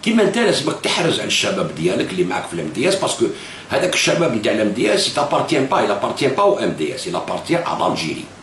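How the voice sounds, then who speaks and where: A man's voice: fairly low pitch, huge pitch swings, very fast, fairly bright tone. A man with an Algerian Arabic accent, delivering political commentary straight to camera, slipping into French and repeating phrases for emphasis. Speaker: political video blogger. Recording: echoey room with faint hiss.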